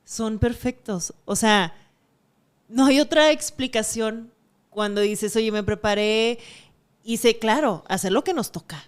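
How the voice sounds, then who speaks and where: A woman's voice: fairly high pitch, unhurried, clean tone. A woman hosting an interview podcast, speaking in a reflective, encouraging way. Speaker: podcast host. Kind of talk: casual interview.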